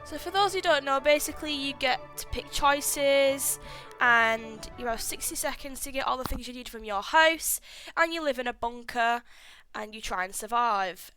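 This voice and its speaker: A woman gaming YouTuber giving excitable let's play commentary, flustered and full of panicky exclamations. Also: high voice, normal speed, soft background music.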